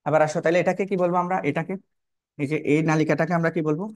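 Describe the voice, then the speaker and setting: Male biology tutor, a bit high-pitched, dry close recording. Repeats terms, quizzes students as he draws. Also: steady tone, racing, dry recording. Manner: repetitive, checks in with "কেমন?" and rhetorical questions. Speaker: biology teacher. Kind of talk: online lesson, explaining while drawing.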